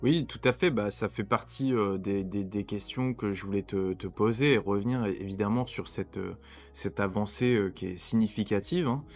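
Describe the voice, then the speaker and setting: Man, podcast host, low voice, hesitant, lots of fillers, light music underneath. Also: normal speed. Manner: hesitant questioning with many fillers. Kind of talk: casual podcast interview.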